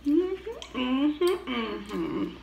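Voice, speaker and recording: A woman hosting a casual mukbang chat at home, relaxed and laughing often as she talks between bites. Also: high voice, drawn-out words, vocal fry. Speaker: vlog host and mother. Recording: echoey room with faint background noise.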